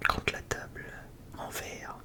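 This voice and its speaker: Whispering close to the microphone, an ASMR host chats casually and slowly, rambling along in informal, slangy speech.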